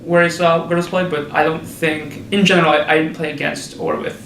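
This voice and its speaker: Young male student, higher voice, halting, room echo. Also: fairly even intonation, fairly bright tone, slight background noise. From Connecticut. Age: young adult. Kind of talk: casual interview. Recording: roomy.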